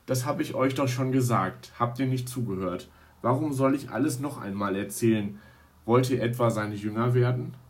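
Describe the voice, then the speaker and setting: A man's voice: medium pitch, normal speed, lightly acted. A man reading as an indignant healed blind man. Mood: irritated.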